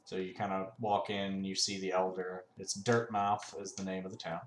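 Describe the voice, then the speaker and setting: Male gaming host, lowish voice, easygoing and full of ums, recorded in an echoey room with faint fan noise. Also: little pitch movement, moderate pace. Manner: rambling, filler-heavy, laid-back. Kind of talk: casual let's-play commentary. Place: room at home. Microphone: desk mic. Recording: roomy home recording with faint fan hum.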